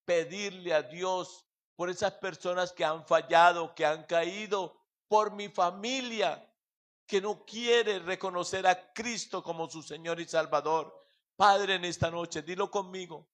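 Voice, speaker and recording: A fervent male preacher with a Colombian accent, speaking in a church in a fairly high voice. His delivery surges in volume and then sinks to near-murmurs as he preaches and prays. He addresses the listeners as brothers. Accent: Colombian Spanish. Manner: fervent, swelling and fading in loudness. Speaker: pastor. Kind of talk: sermon and closing prayer.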